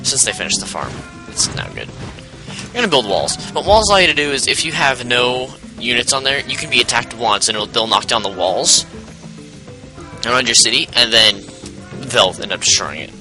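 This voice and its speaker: A man's voice: medium pitch, expressive, normal speed, poor audio. Chatty man explaining a strategy game. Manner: rambling, chatty, explains game mechanics with self-interruptions. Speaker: gameplay commentator. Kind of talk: casual let's play commentary. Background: game music.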